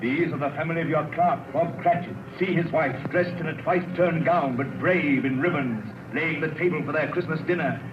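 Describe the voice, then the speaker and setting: An actor playing a hearty giant spirit in a 1930s radio drama, booming and commanding. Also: male voice, a little fast, few pauses, close to an everyday voice. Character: hearty giant spirit, Ghost of Christmas Present. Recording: dull 1930s radio broadcast with hiss.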